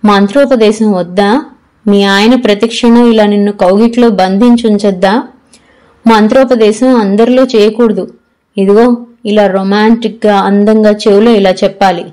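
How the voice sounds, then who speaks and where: A woman's voice: mid-range voice, steady tone, normal speed, warm tone, close to an everyday voice. A woman reading the lines of a lustful fake godman who speaks crudely and threatens. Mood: menacing. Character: lustful fake godman, older man, menacing.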